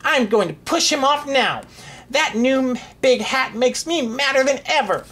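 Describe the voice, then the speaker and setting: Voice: mid-range voice, lively intonation, a little slow, fairly bright tone, pitched above the performer's own voice. A reader voicing a scheming, spiteful grand duke in a storybook read-aloud, in a raised, snappish voice.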